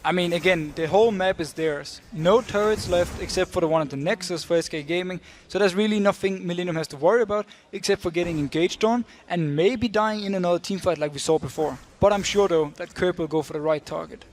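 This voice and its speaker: A man's voice: sits high, brisk, hardly any pauses, a little hiss or hum. A man giving analytical color commentary on an esports match, explaining the teams' strategy.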